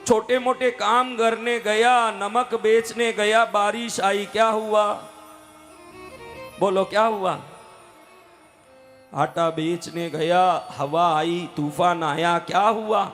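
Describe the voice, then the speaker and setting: A man's voice: sits high, steady tone, takes it slowly, fairly bright tone, soft background music. A man telling a devotional story as a sermon, dramatic and calling out questions to the women listening. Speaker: katha storyteller. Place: live religious gathering.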